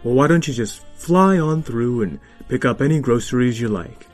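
A man voicing a big stern male rhinoceros security guard who talks in a gruff, officious way. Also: mid-range voice, expressive, faint music behind, lightly acted. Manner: gruff and officious, slow and firm.

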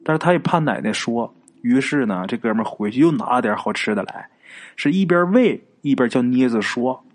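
A man narrates a ghost story as if chatting, with frequent filler particles and little asides. His voice sits at an ordinary middle pitch. The telling is loose and conversational rather than read from a script. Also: animated, brisk.

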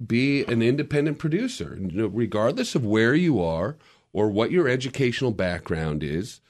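A man's voice: medium pitch, sing-song, normal speed, darkish tone. A man in a casual podcast discussion, explaining media history in a lecturing way with frequent restarts.

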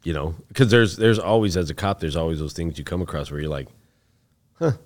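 Very deep-voiced plainspoken man. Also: expressive, a little fast. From United States. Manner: plainspoken, calls the host bro. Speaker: chief deputy sheriff. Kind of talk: casual podcast interview.

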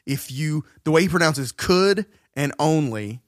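A podcast co-host talks through the music theory of a song in a casual, rambling way, full of fillers and restarts. His voice sits on the high side with lively intonation and an unhurried pace. The studio recording is clean, with no echo.

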